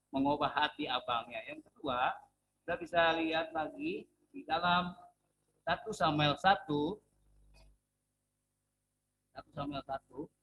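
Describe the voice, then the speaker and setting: A man's voice: a little high, background noise. A male pastor preaching a sermon in a church in a casual, joking way, and asking the congregation to read along.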